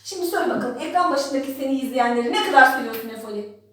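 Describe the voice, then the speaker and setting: A woman's voice: high-pitched, lively intonation, very fast. A mother talking playfully to her baby and teaching the alphabet, coaxing with repeated sing-song questions. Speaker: mother and vlogger. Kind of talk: playful baby talk and children's lesson. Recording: echoey room, mic at a distance.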